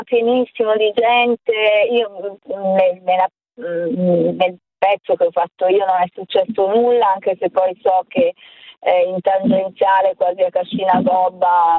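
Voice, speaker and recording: A woman's voice: mid-range voice, dry recording, narrow, tinny audio. A middle-aged woman calling in over the phone to a radio show, chatting casually and hesitantly with many fillers. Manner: hesitant, talks around her point with fillers. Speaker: caller. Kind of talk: casual call-in chat.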